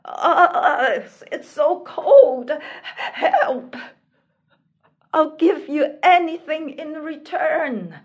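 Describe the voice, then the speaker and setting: A woman's voice: sits high, lively intonation, very slow, dark tone, muffled recording, full character voice. A woman voicing a young male prince from a storybook, pleading and stammering as he apologizes. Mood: desperate.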